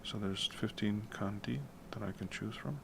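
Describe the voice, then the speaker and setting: In his room at night, a man streaming his music composition work chats at a moderate pace in a deep baritone touched with vocal fry. He rambles, stays relaxed, swears casually, and speaks softly to keep noise low. Typing and background noise are noticeable in the recording.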